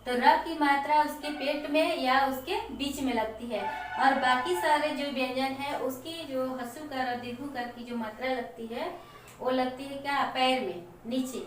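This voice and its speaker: A woman teacher explaining a Hindi lesson to children slowly and step by step, with example words. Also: high voice, fairly even intonation. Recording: echoey room, mic far off, faint noise.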